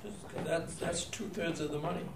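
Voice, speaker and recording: Halting man, distant in a noisy room. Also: on the high side. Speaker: board member. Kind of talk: remarks at a board meeting. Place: indoor meeting room. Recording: echoey room, distant mic, clear noise.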